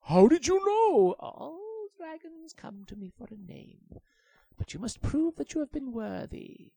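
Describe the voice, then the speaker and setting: A man's voice: very high-pitched, very animated, a little slow, creaky, mellow, no echo, voice pushed up, heavily acted. A man doing a wise old blind monkey. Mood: solemn.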